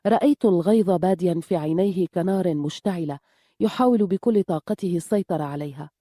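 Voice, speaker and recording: A woman narrating an audiobook in a calm, measured reading. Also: lowish voice, dry recording, studio quality.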